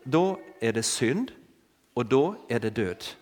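The preacher's medium-pitched voice is animated and somewhat dark in tone as he leads an interactive, prop-based sermon. He brings volunteers forward for an object lesson and coaxes them with short commands said again and again, echoing with long hall reverb.

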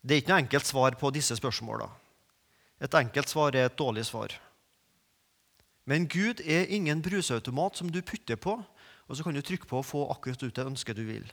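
A man preaching a sermon, moving from quiet reflection to emphatic, rising peaks. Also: mid-range voice, expressive. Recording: long reverb of a large hall.

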